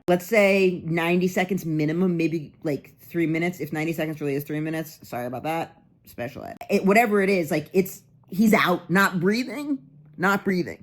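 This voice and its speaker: A woman in her thirties, a comedian vlogger, telling a rambling, animated story in a casual vlog, acting out the voices of the people in it. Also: on the low side.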